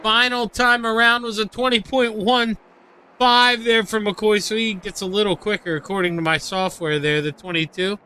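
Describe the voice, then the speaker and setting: A middle-aged man calling sim racing laps as play-by-play commentator, excitable and fighting the hiccups. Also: high-pitched, smooth. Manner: excitable, rises to shouts on quick laps. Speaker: race commentator.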